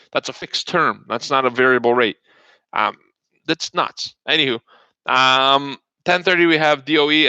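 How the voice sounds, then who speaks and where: A man's voice: mid-range voice, bright, forceful tone, clear, resonant tone, dry recording, muffled recording. A man hosting a live trading show, giving casual market commentary with jokes and greeting viewers by name. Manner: joking, chatty, talks to viewers by name. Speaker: stock trading show host.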